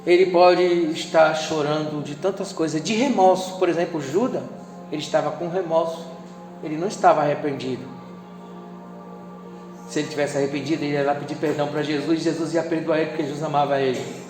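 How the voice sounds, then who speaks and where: A man preaching as pastor, emotional, swinging from loud declarations to hushed, intimate passages. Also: on the high side, fairly even intonation, fairly quick. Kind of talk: sermon. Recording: echoey church hall with music behind.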